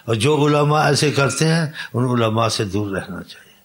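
A man's voice: mid-range voice, animated. Man preaching an earnest sermon. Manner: exhorting, repetitive, quotes Arabic hadith. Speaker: Islamic preacher.

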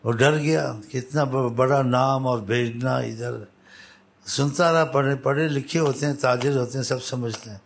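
A man preaching by storytelling, voicing the people in his tale with lifted pitch, with halting restarts and repetitions. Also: steady tone, vocal fry. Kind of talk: storytelling sermon.

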